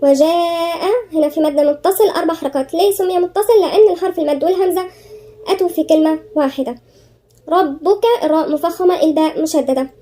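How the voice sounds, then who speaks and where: A woman with an Egyptian Arabic accent teaching tajweed. She chants verses slowly, then explains each rule quickly, step by step. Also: very high-pitched, dark tone. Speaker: Quran recitation teacher. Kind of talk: tajweed lesson.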